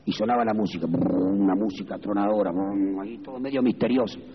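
A man with an Argentine Spanish accent preaching an evangelical sermon as pastor, moving from low, measured speech to high, fervent exclamations. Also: over a noisy crowd. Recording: reverberant hall, dull lo-fi sound, faint background noise.

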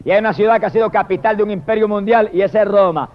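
Man, preacher, high voice, dramatic sermon, loud cries and hushed asides, muffled lo-fi sound. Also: racing. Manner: dramatic, shifts between shouted hallelujahs and low murmured praise. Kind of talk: fiery sermon. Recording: dull lo-fi recording.

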